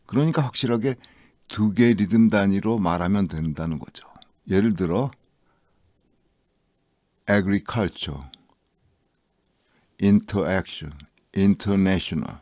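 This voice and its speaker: A man teaching English listening, explaining each point slowly and drawing out his example words. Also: low-pitched, mellow, no echo, clean studio sound. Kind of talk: lecture.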